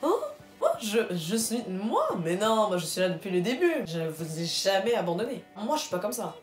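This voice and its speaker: A woman's voice: medium pitch, sing-song, moderate pace. A young woman talking straight to her viewers in a casual, slangy vlog monologue. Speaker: vlogger. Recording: echoey room with music behind.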